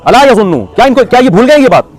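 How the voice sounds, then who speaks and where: A middle-aged man delivering a sermon, animated and joking, asking the audience questions. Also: very high voice, racing, faint music behind. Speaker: preacher.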